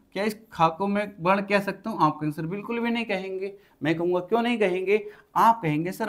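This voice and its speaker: Man teaching an exam-prep grammar lesson, high voice, Uttar Pradesh Hindi accent, asks questions and answers for the students, repeats phrases slowly. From India. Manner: repeats key phrases slowly while writing on a board.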